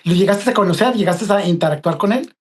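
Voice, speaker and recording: Chatty Mexican interviewer, casual questions. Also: male voice, sits high, lively intonation, quick pace, husky. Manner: chatty, warm slang, repeats words as he asks. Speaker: interviewer, host.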